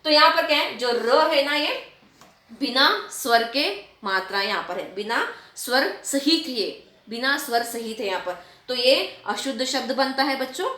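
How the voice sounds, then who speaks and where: A woman teacher explaining a writing lesson to children, repeating and stretching out example words slowly. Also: sits high, sharp tone, echoey room. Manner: repetitive, drawn-out word demonstrations, addresses children often.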